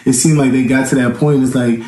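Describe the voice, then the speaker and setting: A man in his thirties chats casually as an interview guest, rambling as he thinks aloud in an echoey room. His mid-range voice is dark and mellow, fairly even in intonation, and fairly quick.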